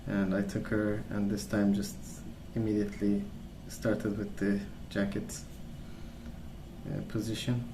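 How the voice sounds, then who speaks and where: Soft-spoken and gentle, this man makes ASMR videos, drifting through casual, story-like rambling at an unhurried pace in a voice on the low side. There's a roomy quality to the sound and clear background noise.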